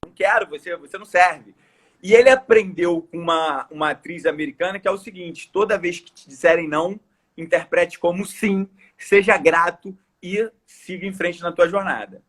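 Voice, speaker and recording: Husky high-voiced Brazilian coach. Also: male voice, normal speed. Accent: Brazilian Portuguese. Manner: earnest, emphatic, repeats phrases for stress. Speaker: coach and course speaker. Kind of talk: casual podcast conversation.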